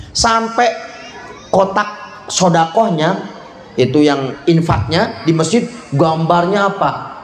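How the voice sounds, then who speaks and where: High-voiced animated male preacher, echoey hall. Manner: animated, mimics characters in voiced asides, mixes in Javanese phrases. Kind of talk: sermon with storytelling. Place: event hall at a school celebration. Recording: roomy echo of a hall.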